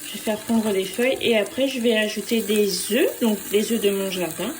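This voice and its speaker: A woman's voice: medium pitch, moderate pace, background noise. A French woman chatting casually as she cooks for her family, speaking hesitantly with frequent fillers. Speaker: home cooking vlogger. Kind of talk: casual cooking vlog voice-over.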